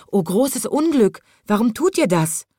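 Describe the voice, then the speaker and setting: A woman voicing a gentle, fretful little zookeeper in a storybook reading, speaking earnestly. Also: medium pitch, expressive, measured pace, dry recording, studio quality. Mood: worried.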